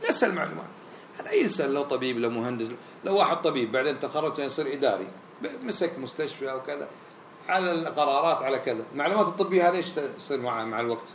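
A man preaches, talking fast and with a fairly high voice. He acts out the people he quotes. The room gives his voice an echo, with faint sound behind it. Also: a bit bright, slight background noise. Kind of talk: sermon. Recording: roomy echo, faint ambience.

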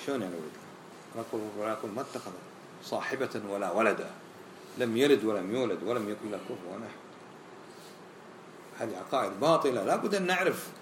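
A man preaching a sermon in an animated way, acting out the voices he quotes. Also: lowish voice, fast, pauses often, a little hiss or hum. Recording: roomy echo, faint ambience.

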